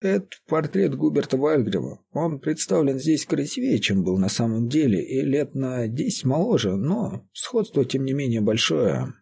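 A man's voice: mid-range voice, very animated, moderate pace, gravelly, hardly any pauses, warm tone, slightly rough, pitched above the performer's own voice, full character voice. A man voicing a shocked estate steward. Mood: alarmed. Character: steady middle-aged male estate steward, shocked and earnest.

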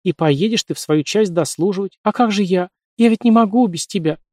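A woman's voice: medium pitch, a little fast, mellow, no echo, studio quality, pitched above the performer's own voice, natural voice. A man doing a lovesick young nurse. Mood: pleading. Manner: chirpy, pleading.

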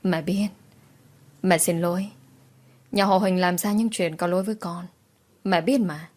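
A woman's voice: on the low side, fairly even intonation, unhurried. Woman voicing a tearful older mother-in-law. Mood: pleading. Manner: soft, choked pleading.

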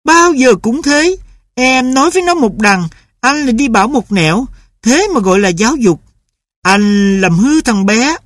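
Shrill scolding mother, as a woman reader puts her on. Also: expressive, normal speed, no echo, clean studio sound, close to an everyday voice. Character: stern, shrill middle-aged mother.

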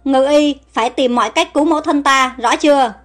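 A hot-tempered young king in an audio story, swinging from grief to vengeful fury, read by a woman in her own high voice. He speaks fast in anguished outbursts. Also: a bit bright, faint music behind. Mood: commanding.

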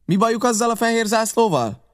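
A man's voice: extremely high pitch, lively intonation, pitched above the performer's own voice. A man reading an audiobook, voicing a wary, commanding ship captain who barks curt orders. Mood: demanding. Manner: barked orders, curt and clipped.

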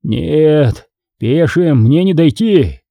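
A man's voice: on the high side, animated, very slow, gravelly, mellow, no echo, full character voice. A man doing a worn-out wounded goldsmith. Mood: weary. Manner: moaning, pleading. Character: wounded exhausted male goldsmith, crafty.

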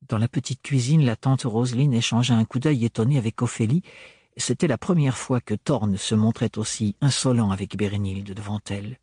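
A man narrating an audiobook in a measured, even reading. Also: medium pitch, breathy edge, no room sound, clean studio sound.

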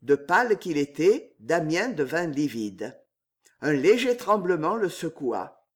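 A male narrator reads a classic novel aloud at a slow, measured pace. His voice is fairly high and very expressive in its pitch, giving the telling a dramatic lift. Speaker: audiobook narrator. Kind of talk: novel reading.

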